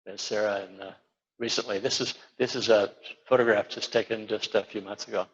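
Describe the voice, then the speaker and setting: A man's voice: lowish voice, fairly even intonation, fairly quick. An older man giving an informal slide lecture as an architect, rambling with many fillers and restarts. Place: lecture hall at an awards event. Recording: dull lo-fi lecture recording.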